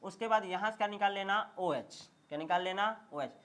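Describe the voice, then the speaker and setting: Casting note: male chemistry teacher, slightly high voice, repetitive call-and-response drilling. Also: fairly quick, a bit bright. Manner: call-and-response drilling, repeats questions and answers; emphatic, checks understanding often. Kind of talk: classroom lecture.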